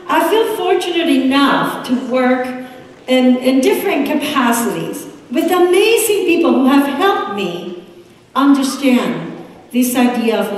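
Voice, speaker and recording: A middle-aged woman pastor with a Puerto Rican accent preaching a sermon, gesturing as she speaks at the pulpit. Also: high voice. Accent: Puerto Rican Spanish. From United States. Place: large church sanctuary. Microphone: room mic from a distance. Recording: echoey sanctuary from far off.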